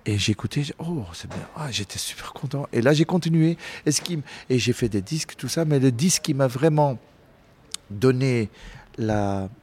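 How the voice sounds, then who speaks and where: A man's voice: medium pitch, husky. A man in his forties, a singer being interviewed, telling stories casually with many restarts. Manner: halting, many restarts, animated storytelling.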